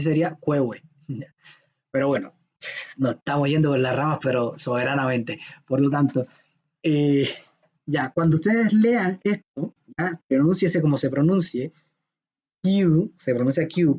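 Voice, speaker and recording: Casual lecturer, male, slightly high voice, jokey and chatty, muffled lo-fi recording. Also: darkish tone. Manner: chatty, joking, checks understanding with "¿ya?". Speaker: programming lecturer. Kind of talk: informal classroom lecture.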